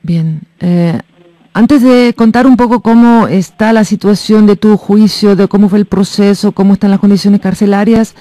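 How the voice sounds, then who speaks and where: A man's voice: sits high, steady tone, moderate pace, dark tone, dry recording. A man working as a radio interviewer, who prompts his guest with hesitant questions. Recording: radio broadcast.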